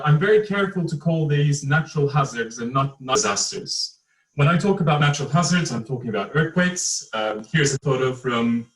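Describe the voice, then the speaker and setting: A man from Turkey presents as an engineer over a video call, often pausing with fillers and restarting his sentences. His voice sits at a middle pitch. It sounds roomy and some way off from the microphone. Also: fairly bright tone, distant mic. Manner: hesitant, many fillers and restarts. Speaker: engineer, panel speaker. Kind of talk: online presentation.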